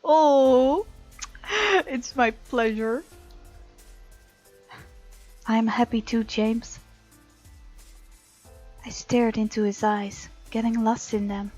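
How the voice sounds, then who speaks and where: A woman hosts a game playthrough, reading visual novel narration and adding her own remarks over game music. Her voice sits on the high side, steady and mellow, and she speaks very slowly with frequent pauses. The recording sounds dull.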